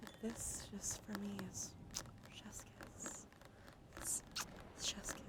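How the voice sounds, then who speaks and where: Close to the mic, a woman streams ASMR in a soft, soothing voice that is partly whispered, chatting in a wandering way with gentle repetition. Her pitch is mid-range and her delivery flat and slow, and the recording quality is rough.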